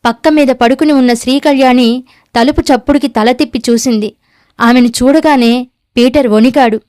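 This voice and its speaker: A woman's voice: sits high, steady tone, normal speed, darkish tone, dry recording, studio quality. A woman narrating a novel aloud, reading every character's lines herself in a near-natural voice. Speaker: audiobook narrator.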